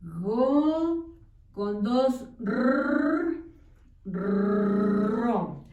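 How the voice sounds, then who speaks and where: A woman teacher giving a patient lesson to young children, dictating words slowly syllable by syllable and checking in with questions. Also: a little high, expressive, muffled recording. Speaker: primary school teacher. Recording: echoey room, distant mic.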